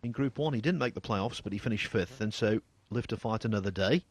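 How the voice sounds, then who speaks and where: A man giving hushed snooker commentary in a measured, understated way, with a slightly husky voice. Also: lowish voice, no echo.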